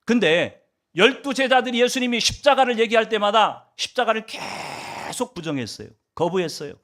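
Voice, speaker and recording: A man's voice: high voice, animated, moderate pace, fairly bright tone. A male pastor delivering a Sunday sermon, asking the congregation rhetorical questions and swinging his emphasis up and down.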